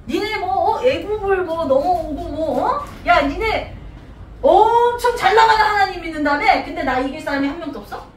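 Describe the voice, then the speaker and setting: A woman's voice: extremely high pitch, expressive, normal speed, recorded from a distance, a little hiss or hum. A woman playing a boastful giant warrior who taunts his enemies, told as a Bible story for children in an echoey hall. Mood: taunting. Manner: taunting, jeering.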